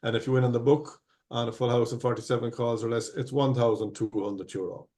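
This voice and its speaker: A man's voice: medium pitch, fairly even intonation, brisk, dark tone. A man with an Irish accent working as a bingo caller, reading out numbers digit by digit in set phrases and hosting a live online game. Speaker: bingo host.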